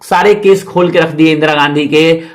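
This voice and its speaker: A man teaches history for exam preparation, his voice sitting a little high. He explains each point, then says it again in simpler words, and asks rhetorical questions along the way. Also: fairly even intonation, moderate pace. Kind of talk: exam-prep history lecture.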